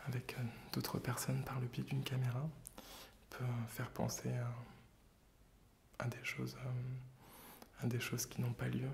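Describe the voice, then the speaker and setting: A man hosting ASMR in a gentle, hesitant whisper, very close in the ear on binaural microphones. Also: medium pitch, monotone, a little slow, gravelly, long pauses, slight background noise. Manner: gentle, soft-spoken. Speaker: ASMR video host. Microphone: close binaural stereo microphones.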